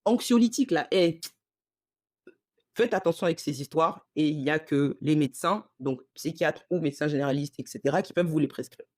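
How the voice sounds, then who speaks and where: A woman hosting a casual storytelling podcast, animated and slangy, acting out the dialogue as she tells it. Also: deep voice, fairly quick, dry recording, clean studio sound. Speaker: podcast host.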